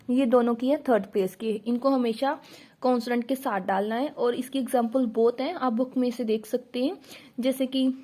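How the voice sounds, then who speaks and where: A woman gives a shorthand lesson at an unhurried pace. Her voice sits fairly high, and she says each example word aloud again and again. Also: darkish tone. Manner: slow, repeats example words aloud, mixes English into Hindi. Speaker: shorthand teacher. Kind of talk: casual tutorial explaining shorthand.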